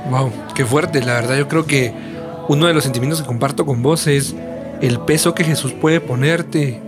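A man's voice: mid-range voice, normal speed, over music. A man, hosting a casual faith podcast, reacting with short enthusiastic exclamations and asking questions. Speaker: podcast host.

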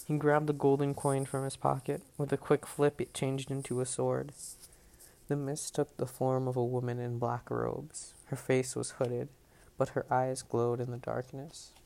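Gravelly man reading a novel aloud. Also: medium pitch, completely flat delivery, measured pace, darkish tone. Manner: reads plainly, breaks off with self-mocking asides. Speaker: audiobook reader. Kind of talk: casual fan reading of a novel.

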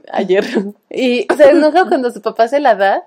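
Playful young Mexican woman, slightly high. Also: expressive, measured pace, mellow. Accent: Mexican Spanish. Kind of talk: casual chat.

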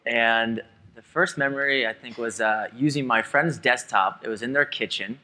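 A man's voice: mid-range voice, moderate pace, pushed and bright. A man in his twenties speaking casually on a panel, a bit rambling. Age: 20s. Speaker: panel guest. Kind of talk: panel discussion.

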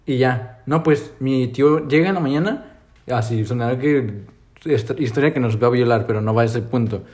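A man's voice: medium pitch, normal speed, a little mellow. A young man with a Mexican Spanish accent, telling stories in slangy casual chat and laughing often.

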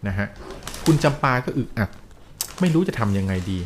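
A man narrating a ghost story to a listener in a lively, polite way, peppering it with polite particles. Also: lowish voice, moderate pace, slight background noise.

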